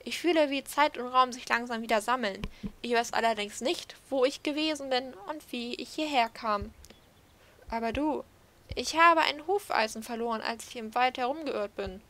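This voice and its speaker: A woman's voice: fairly high pitch, normal speed, a bit bright, natural voice. A woman reading aloud the lines of a lost male spirit horse from a game, solemn and dreamy. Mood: pleading.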